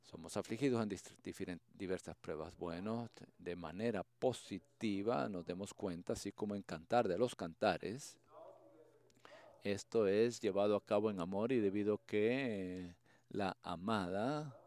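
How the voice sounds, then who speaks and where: A man preaching a sermon, speaking off the cuff with restarts, soft laughs and acted-out quotes. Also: lowish voice, unhurried.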